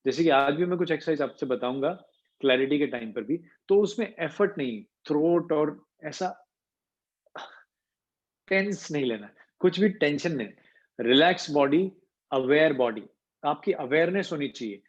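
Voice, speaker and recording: Coaching a voice class online, this man speaks at a moderate pace in an expressive voice that sits on the high side. He walks through every point and mixes in English terms, heard over a video call with dull, lo-fi audio.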